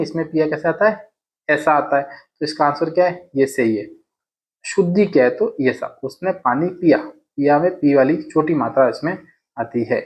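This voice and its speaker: A man teaching exam grammar in a casual classroom way, repeating each sentence and asking and answering his own questions. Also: on the high side. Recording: dull lo-fi sound.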